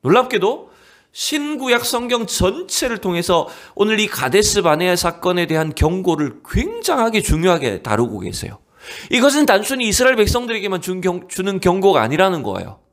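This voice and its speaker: A male pastor preaching a Wednesday sermon in a church, slowing down to read scripture aloud. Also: high-pitched, big pitch swings. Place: church sanctuary.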